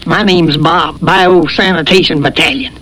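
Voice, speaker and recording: High-pitched old rusty robot. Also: male voice, steady tone, normal speed, pushed and bright, slight background noise. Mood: plain, weary. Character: old battered robot, last of its model, earnest and wary. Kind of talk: dramatised audio story acting. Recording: music playing behind the voice.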